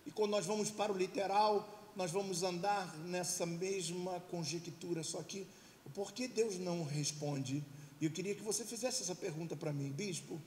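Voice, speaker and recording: A man's voice: high voice, normal speed, darkish tone. A middle-aged man preaching an emphatic sermon in church and leading the congregation to repeat after him. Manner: emphatic, leads call-and-response. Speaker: pastor. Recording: reverberant church hall, faint hiss.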